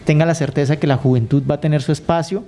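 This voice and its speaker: Talking fast in a steady, dark-toned voice that sits a little high, this radio guest gives earnest, conversational answers. He is a youth program consultant from Colombia who grew up in Guaviare, and he occasionally hunts for the right word.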